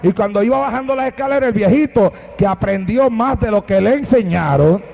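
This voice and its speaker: A man's voice: high-pitched, fairly quick, gravelly, darkish tone. A man preaching a fiery sermon, telling a story emphatically and calling out to the congregation. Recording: dull lo-fi sound.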